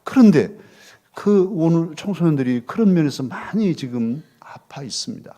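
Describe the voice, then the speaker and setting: A middle-aged male pastor preaching a sermon in a church, moving between loud rhetorical questions and soft, hushed asides. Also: on the high side. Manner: expressive, swings from loud questions to soft near-whispers. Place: church sanctuary.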